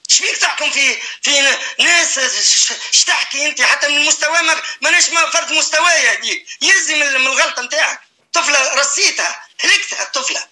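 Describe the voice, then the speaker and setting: A man's voice: very high-pitched, quick pace, pushed and bright. An older man with a Tunisian accent, arguing heatedly as a father in a family dispute and insistently repeating short phrases. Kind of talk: heated argument.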